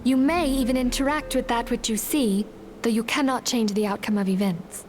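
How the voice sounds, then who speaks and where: A woman's voice: fairly high pitch, steady tone, darkish tone, slight background noise, close to an everyday voice. A woman playing a solemn leader of an order. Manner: formal, measured, archaic phrasing. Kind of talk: game voice acting.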